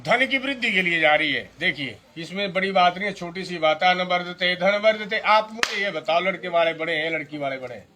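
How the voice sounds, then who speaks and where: A man's voice: fairly high pitch, expressive, fairly quick, few pauses, noisy background. A man officiating a wedding as a priest, telling scripture stories, quoting Sanskrit verses and advising the couple directly. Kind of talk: religious storytelling discourse. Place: wedding ceremony.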